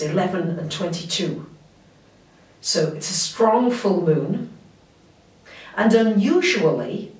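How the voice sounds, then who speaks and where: A woman astrologer giving a monthly forecast in a gentle, unhurried, reflective way. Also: medium pitch. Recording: roomy, mic at a distance.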